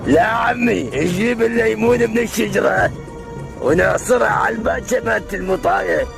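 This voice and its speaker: A man's voice: high-pitched, a little fast, vocal fry. A man playing a bossy, folksy village man with an Iraqi Arabic accent in a comic dialect skit. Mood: insistent. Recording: music behind the voice.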